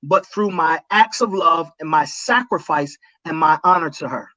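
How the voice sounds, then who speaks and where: High-voiced pastor, emphatic and dry. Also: male voice, normal speed, sharp tone, dry recording, dull audio. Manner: preachy, emphatic repetition. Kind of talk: casual livestream talk.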